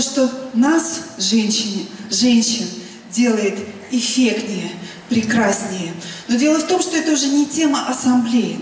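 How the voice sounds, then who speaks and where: A middle-aged woman giving an emphatic presentation speech on a large stage, in short phrases with pauses. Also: a little high, darkish tone. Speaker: company cosmetics director presenting. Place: large event hall stage. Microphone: handheld mic through PA, recorded from the audience. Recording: echoey hall PA, noisy, from far off.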